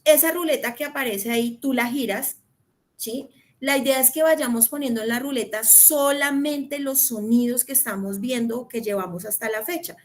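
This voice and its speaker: A Colombian woman with a Colombian accent gives an earnest teacher training talk, speaking straight to the teachers. Her voice sits high.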